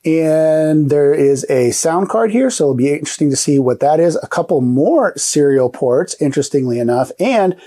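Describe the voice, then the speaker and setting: Still a bit nasal and stuffy after being sick, this man in his forties hosts a relaxed retro computer show with upbeat chatter and loose fillers. His slightly high voice is mellow and expressive, moving at normal speed with hardly any pauses.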